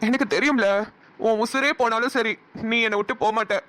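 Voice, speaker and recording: A woman's voice: fairly high pitch, fairly even intonation, a little fast, a bit bright, close to an everyday voice. A woman voicing a devoted young village man in a cartoon, earnest and protective. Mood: coaxing. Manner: earnest and pleading, scolds then reassures. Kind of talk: cartoon dialogue acting.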